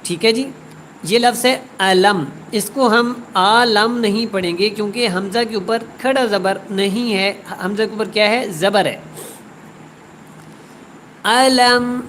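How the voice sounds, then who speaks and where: A woman teaching a word-by-word Quran tajweed lesson. She recites each word slowly and drawn out, then explains quickly. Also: medium pitch, fairly bright tone, a little hiss or hum, rough recording.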